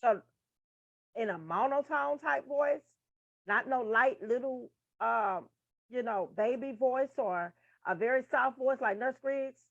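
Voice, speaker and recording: Woman, nursing study lesson, frank and profane, higher voice, dry dull lo-fi sound. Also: slow pace, gravelly, no echo. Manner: profane, frank asides to listeners. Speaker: nursing tutor.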